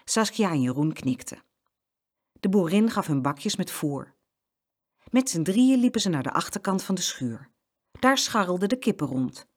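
A woman narrating a children's storybook with clear, expressive storytelling. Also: fairly low pitch, normal speed, pauses often.

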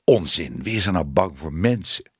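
A man's voice: mid-range voice, huge pitch swings, a little slow, slightly rough, dry recording, studio quality, exaggerated voice. A man reading a storybook aloud, voicing a shy, fussy man who lectures and exclaims while trying to be strict. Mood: lecturing. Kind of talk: audiobook reading.

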